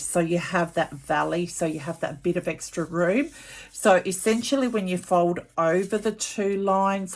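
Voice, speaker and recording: A woman hosting a casual craft tutorial in a chesty, congested voice, chatting informally and apologetically as she explains things to viewers. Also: on the low side. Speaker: craft channel host.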